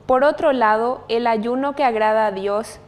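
A young woman at a chapel lectern, calmly reading the welcome and introduction to Mass into a lapel mic. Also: fairly high pitch, moderate pace. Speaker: liturgy commentator.

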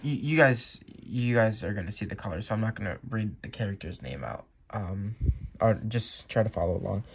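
A man's voice: on the low side, lively intonation, a little fast, vocal fry, slightly rough. A man talking casually to the camera about his script and reading it aloud, hesitant, with many fillers and restarts. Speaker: amateur scriptwriter.

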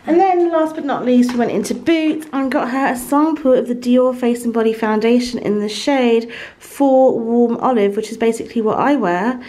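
A woman's voice: a little high, moderate pace, few pauses, mellow, rough recording. Chatty British woman vlogger. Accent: British English. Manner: chatty, laughs often. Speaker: beauty vlogger. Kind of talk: casual chat.

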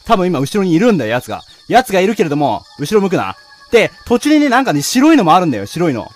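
A man commentating on a horror game, crying out hard in fright, screaming and shouting in panic. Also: sits high, huge pitch swings, quick pace, soft background music. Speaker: video game player and commentator.

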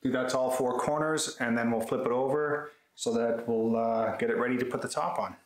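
Speaking briskly in a mid-range voice with fairly even intonation, a man in his thirties who hosts woodworking videos walks the camera through a hands-on build, plainly and casually. The camera mic sits a few metres off in his indoor concrete-floored garage, so the audio is echoey with faint background noise.

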